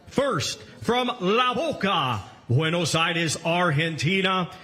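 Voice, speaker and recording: A man working as a ring announcer, hosting a boxing event with formal introductions and booming, drawn-out names. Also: lively intonation, pushed and bright.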